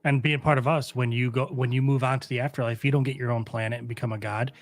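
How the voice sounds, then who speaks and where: Co-hosting a casual live fan podcast, a man riffs with jokes and bits he invents on the spot. His medium-pitched voice has fairly even intonation and a fast pace, and there's no room sound at all.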